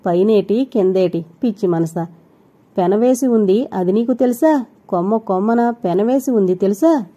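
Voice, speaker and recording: A woman's voice: mid-range voice, fairly even intonation, a little fast, warm tone, highs cut off, close to an everyday voice. A woman voicing a sly young woman disguised as a village maid, speaking in rustic sing-song phrases, in an audio novel.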